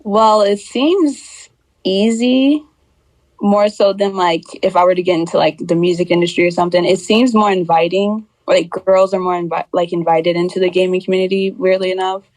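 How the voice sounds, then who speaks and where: A woman in her twenties from the United States talks easily as a podcast guest. Her voice sits on the low side, and the sound is dry and close. She speaks in a loose, rambling way, full of fillers. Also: normal speed, no room sound, poor audio. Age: 20s. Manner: relaxed, chatty, many fillers. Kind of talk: casual chat.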